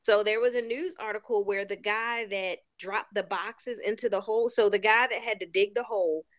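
A woman with a Baltimore accent, co-hosting a podcast in casual, animated chat. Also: medium pitch, normal speed, muffled recording. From Baltimore, USA. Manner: animated, exclaims and voices her own reactions. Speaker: podcast co-host.

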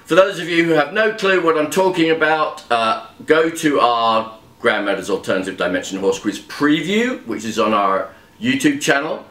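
A man's voice: on the high side, lively intonation, normal speed, hardly any pauses, fairly bright tone. A man hosting a quiz, reading out the questions with chatty, wry asides between them. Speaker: quiz host. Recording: echoey room.

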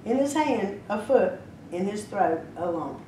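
A woman librarian reading a rhyming storybook aloud in a lively, expressive way, with small slips and restarts. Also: unhurried. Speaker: children's librarian. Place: library room. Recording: roomy echo, mic at a distance, faint rumble.

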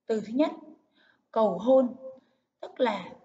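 A woman teacher giving a reading lesson to young children, speaking slowly with careful, clear enunciation. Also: a little high, lively intonation, mellow. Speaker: primary school teacher. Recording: distant, muffled recording with faint hiss.

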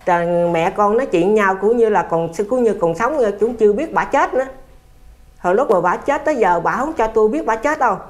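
A woman's voice: medium pitch, lively intonation, a little fast. An older woman with a Southern Vietnamese accent, telling a story in a plain-spoken, earnest, repetitive way as an interviewee. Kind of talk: casual conversational storytelling.

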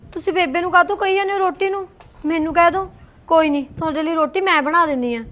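A woman playing a dutiful young married woman who talks quickly and pleads her case. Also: very high-pitched, a bit bright. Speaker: daughter-in-law. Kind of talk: short film acting.

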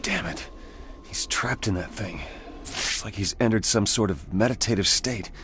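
An actor voicing a determined young male vigilante in a video game, speaking in a serious, measured way as if thinking aloud. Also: lowish voice, fairly bright tone, slight background noise, close to an everyday voice. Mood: worried, grim.

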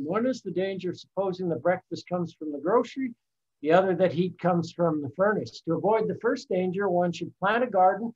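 Reflective lecture-series presenter: musing, unhurried delivery with quotations read aloud; muffled, lo-fi recording. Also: mid-range voice, darkish tone.

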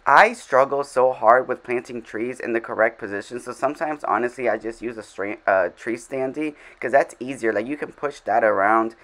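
A man's voice: mid-range voice, normal speed, few pauses, fairly bright tone, poor audio. A man giving casual, rambling commentary over his game, full of fillers and self-deprecating asides. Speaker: game vlogger.

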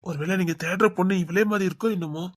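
A woman's voice: lowish voice, fast talker, lightly acted. A woman voicing a deferential assistant who politely explains things to her boss, in an amateur audio drama.

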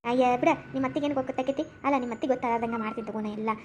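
A woman's voice: high voice, fairly even intonation, rapid-fire, a little mellow, dull audio, a little hiss or hum, lightly acted. A woman voicing a chatty village aunty with a North Karnataka accent, fussing and reassuring as an eager hostess in a cartoon. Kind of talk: cartoon comedy voice acting.

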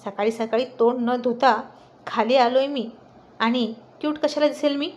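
A woman's voice: a little high, normal speed, a little mellow, muffled recording, close to an everyday voice. A woman reading a story aloud and voicing a hot-tempered young man who scolds and grumbles. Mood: annoyed. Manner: irritated, scolding.

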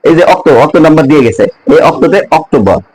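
A man teaches a pronunciation lesson on English month names to his students. He asks them question after question and repeats each word slowly. His voice sits a bit higher than most men's. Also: lively intonation, darkish tone, low-quality recording. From Bangladesh.

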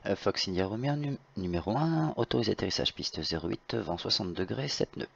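Male sim tower controller: husky, fry-laden, hesitant procedural calls, muffled lo-fi audio. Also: lowish voice, expressive, a little fast, a bit bright. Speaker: tower air traffic controller in online flight simulation. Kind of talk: procedural radio instructions with informal asides. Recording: slightly dull lo-fi voice-chat audio.

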